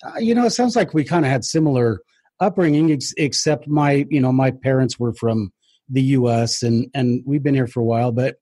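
A middle-aged man hosting a podcast, asking friendly, conversational questions into a studio microphone on a boom arm in a home studio. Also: normal speed, warm tone, breathy edge, no echo. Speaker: podcast host. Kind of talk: casual interview hosting.

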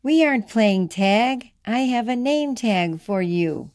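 A woman's voice: on the high side, expressive, slow, darkish tone, pitched above the performer's own voice. A woman doing a patient schoolteacher. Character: friendly, patient female schoolteacher.

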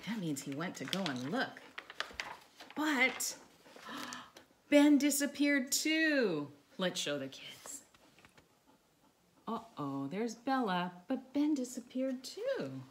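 Reading a children's story beside a stone fireplace indoors, this middle-aged therapy dog owner speaks slowly in a slightly high voice with long pauses. She coaxes her dog and young listeners with lively sing-song questions, and the home recording has clear noise.

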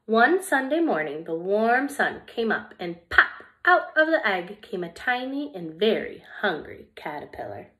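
A young woman who teaches small children reads a picture book aloud, expressive and deliberate for her little audience. Her voice sits in the mid range.

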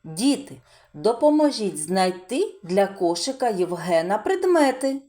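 A woman's voice: mid-range voice, sing-song, a little slow, mellow. A woman teaching a literacy lesson to preschool children, speaking in a sing-song teacher's voice that draws out sounds and praises often. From Ukraine.

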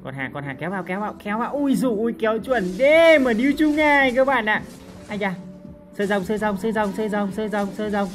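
Woman yelling along to her match, game music going behind her. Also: mid-range voice, fairly quick. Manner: excitable, full of loud exclamations and repeated cries. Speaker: game streamer. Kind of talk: live gameplay commentary. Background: game music and sound effects.

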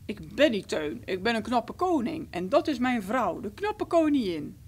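A shy, playful boy who fancies himself a king, speaking softly and a little bashfully, as a woman reads him aloud. His voice runs slightly high and swings up and down with childlike wonder. Storybook reading. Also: very animated, moderate pace, breathy edge, full character voice. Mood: proud. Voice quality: soft, bashful.

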